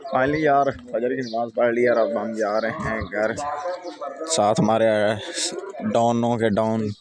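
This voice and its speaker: A man with a Punjabi accent chats and jokes to camera while walking outdoors in his village, vlogging casually about his day and often urging viewers to subscribe. His voice is fairly low, a little slow and flat in delivery. The noisy outdoor phone recording picks up crowd noise.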